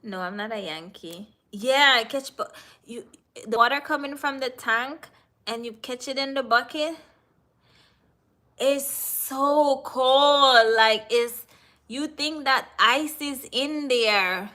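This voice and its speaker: A woman's voice: fairly high pitch, unhurried, pushed and bright. A woman from Jamaica with a Jamaican accent, chatting casually with viewers on a livestream, teasing them and answering their comments. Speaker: livestream host.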